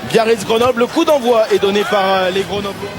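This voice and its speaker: A very high-pitched man delivers excitable rugby play-by-play, repeating phrases to build tension. Music and a loud stadium crowd run behind his voice. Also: brisk. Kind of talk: live highlights commentary.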